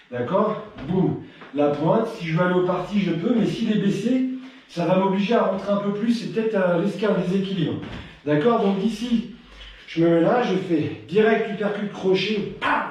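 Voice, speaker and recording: A French man runs a live online Krav Maga class, counting out combinations, adding punchy sound effects to his strikes, and chatting between drills. His voice sits high with a darkish tone, and he sounds warm but slightly winded. The distant mic picks him up in a very echoey room.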